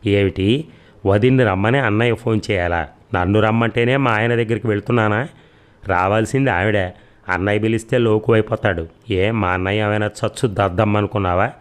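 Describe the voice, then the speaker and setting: A man's voice: on the low side, fairly quick, clear, resonant tone, close to an everyday voice. A man reading the part of a selfish, indignant woman, a sister-in-law, in an audiobook story. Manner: sharp, indignant.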